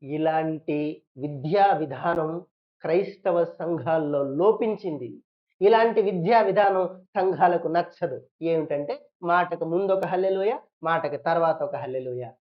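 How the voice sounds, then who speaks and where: A woman's voice: low-pitched, unhurried, highs cut off. A woman preacher giving a sermon, pressing listeners with repeated rhetorical questions and acting out churchgoers in quoted asides.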